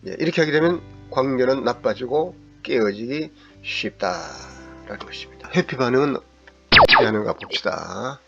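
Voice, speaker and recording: A man's voice: mid-range voice, big pitch swings, normal speed, creaky. A middle-aged man lecturing as a counseling psychologist, explaining step by step and sometimes acting out angry remarks in a raised voice. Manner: acts out angry quoted lines in a raised voice. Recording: slightly dull recording with faint guitar music.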